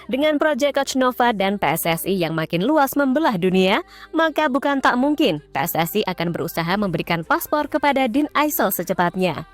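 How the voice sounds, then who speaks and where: A woman narrating football news in a scripted read, dropping in casual slang asides. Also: medium pitch. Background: faint background music.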